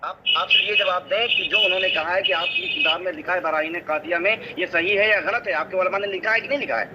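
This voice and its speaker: A man's voice: high-pitched, fast, highs cut off, background noise. A man in a heated religious debate, pressing his opponent for direct answers. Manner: pressing, demands yes-or-no answers.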